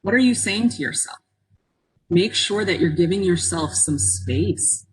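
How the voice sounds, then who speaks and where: A woman's voice: lowish voice, expressive, unhurried, low-quality recording. A woman presenting an interactive webinar in an encouraging, reflective manner, inviting people to take part. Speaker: workshop presenter. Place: online conference call.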